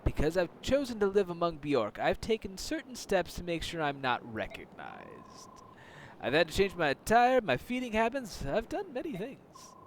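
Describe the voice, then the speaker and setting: A man voicing a calm, cryptic older sea captain, speaking in a measured, formal way with a loosely improvised accent. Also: high-pitched, slight background noise, exaggerated voice. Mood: solemn. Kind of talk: reading game dialogue aloud.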